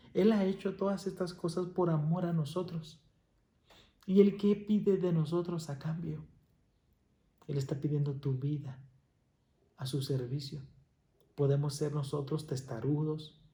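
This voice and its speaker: A man preaching a slow, earnest devotional sermon and leading a prayer. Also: a little high, dark tone. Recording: echoey room with faint noise.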